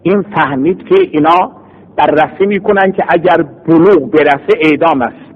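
A male teacher of religious law giving an animated classroom lecture, reading a text aloud and explaining it by acting out scenes. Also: a little high, breathy edge. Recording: dull lo-fi recording.

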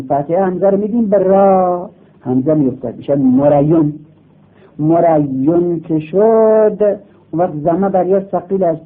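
A man with a somewhat high voice gives a grammar lesson. He talks slowly and patiently and goes over each step more than once. The sound is thin and tinny, like a phone line. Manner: slow, patient, repeating each step of the rule. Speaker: teacher.

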